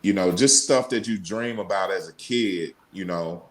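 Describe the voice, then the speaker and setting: A man's voice: sits low, normal speed. A man talking casually as a podcast guest, informal and conversational, repeating phrases for emphasis. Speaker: podcast guest, radio show co-host. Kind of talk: casual interview talk.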